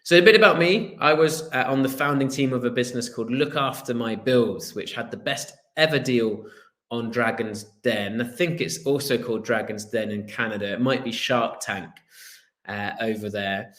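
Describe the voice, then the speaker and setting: A man from Wales in his thirties presents his business on a video call with a Welsh accent. His pitch sits in the middle range, and he talks in an earnest, storytelling way with the odd pause. The room around him is roomy and echoey. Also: a bit bright. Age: 30s. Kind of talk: online presentation. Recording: roomy echo.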